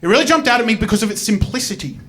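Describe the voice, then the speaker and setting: Brief: Australian male stand-up, higher voice, rambling and swearing, self-deprecating storytelling. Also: sing-song, rapid-fire, fairly bright tone. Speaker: stand-up comedian. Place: comedy stage before a live audience.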